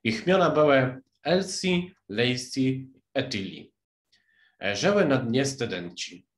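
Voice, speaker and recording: A man reading as a drowsy little dormouse, hoarse and weak, drawn-out slow delivery, voice ringing in a roomy space. A storybook creature who can barely stay awake. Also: mid-range voice, animated, voice pushed up. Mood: storytelling. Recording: roomy echo.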